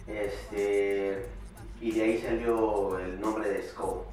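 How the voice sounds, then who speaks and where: A rapper born in Chicago and raised in Mexico City chats as a guest in a casual interview, relaxed and slangy with many fillers and restarts. His fairly low voice moves very slowly. He's far from the camera mic in a small, echoey home studio, with soft background music.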